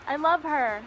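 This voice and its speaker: A young woman vlogging casually, her voice muffled through a costume head, excited and giggly. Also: very high-pitched. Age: young adult. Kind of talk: casual vlog. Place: backyard, outdoors.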